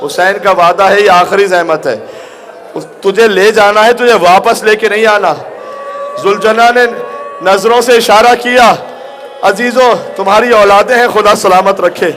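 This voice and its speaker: A man giving an emotional mourning sermon to a gathering, at times rising to near shouts. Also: high voice. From Pakistan.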